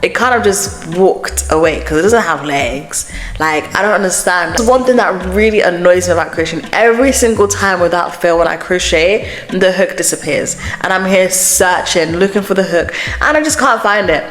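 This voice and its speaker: A woman's voice: fairly low pitch, normal speed, a bit bright, faint music behind. A woman hosting a casual, chatty solo podcast, venting emphatically and informally, with an echo effect on her microphone. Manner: informal, emphatic venting about small annoyances. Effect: microphone echo setting, echoey reverb. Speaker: host of a crochet podcast vlog. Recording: echoey voice from microphone echo setting.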